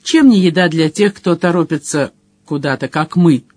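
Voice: mid-range voice, normal speed, a little mellow, no echo, close to an everyday voice. A reader voicing a brash, streetwise male otter rogue who teases his companions with slangy banter in an audiobook. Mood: teasing. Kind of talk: audiobook character voice.

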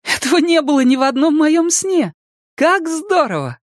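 Young woman leader, done by a man: high, brisk, imperative, dry recording. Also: sing-song, dry recording. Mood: delighted. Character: young woman, decisive commanding leader with lively exclamations. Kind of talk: audiobook character reading.

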